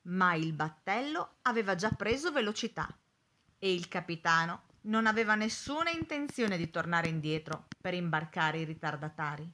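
A woman reads a storybook aloud with expressive, lively delivery. Her voice is bright and ringing, and her pitch rises and falls animatedly. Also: moderate pace, slight background noise. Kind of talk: storybook narration.

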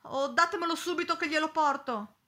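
A woman's voice: high-pitched, a little fast, pushed and bright, pitched above the performer's own voice. A woman voicing a loyal maidservant who exclaims in an urgent voice. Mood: horrified.

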